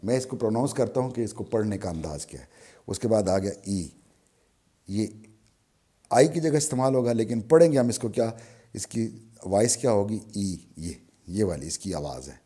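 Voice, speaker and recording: A man with a Pakistani Urdu accent teaching a beginner language lesson, slow and patient, repeating each sound many times. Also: lowish voice, expressive, warm tone.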